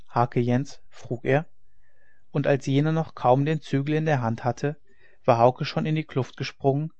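Man, audiobook narrator, measured dramatic telling, slightly muffled, dry close sound. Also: mid-range voice, darkish tone, dry recording. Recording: slightly dull lo-fi recording.

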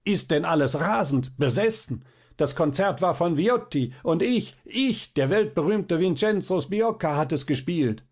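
A man's voice: medium pitch, lively intonation, unhurried, darkish tone. A man voicing a proud, hot-tempered violinist who bursts out in theatrical indignation. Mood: furious.

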